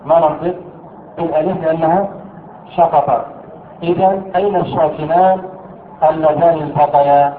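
A fairly high-voiced man leads a grammar lesson. He keeps asking his students questions and answering them himself, stressing each point by repeating it. The sound is thin and phone-like, with a roomy echo and faint noise behind. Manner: repeats key words slowly for emphasis. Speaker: teacher of Arabic grammar. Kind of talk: classroom lesson explaining a text. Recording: echoey room over a thin phone-like line.

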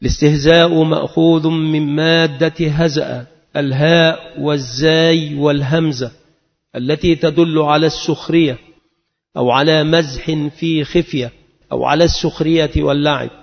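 A man's voice: a little high, fairly even intonation, moderate pace, vocal fry. A man giving a religious lesson, chanting verses melodically and reading scholars' definitions in a plain teaching voice. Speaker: Islamic lecturer. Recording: dull lo-fi sound with long reverb.

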